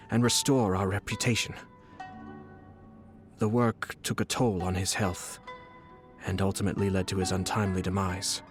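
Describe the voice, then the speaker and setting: An actor voices a young clan lord in a video game, a refined and shrewd nobleman who is calm and serves as clan head and commissioner. He speaks in a formal, measured, courtly way in a lowish, natural male voice. The scripted dialogue plays over game music.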